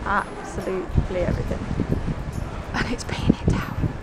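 A woman in her twenties with an English accent chats casually in a vlog, holding the camera at arm's length as she handles her dog in a kitchen, on a train and on a station platform. Her medium-pitched voice stays level at a normal speed, with heavy background noise.

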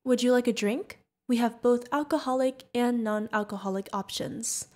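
Speaking straight to the listener, a woman plays a feathered alien bartender, sweet, curious and friendly, in an ASMR roleplay. Her voice sits on the high side with a darkish tone close to an everyday voice, moving at a moderate pace in a friendly, chatty mood.

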